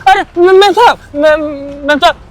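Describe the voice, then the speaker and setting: A man's voice: very high voice, normal speed, soft background music. A man playing a stammering poor village guard. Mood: anxious. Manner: stammering, pleading, rustic speech. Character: poor village security guard pleading with boss. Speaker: security guard.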